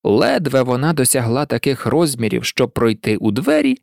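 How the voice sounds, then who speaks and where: A woman reading a storybook aloud as narrator, expressive and animated. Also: rumbling low, normal speed, gravelly, no echo, clean studio sound. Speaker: audiobook narrator.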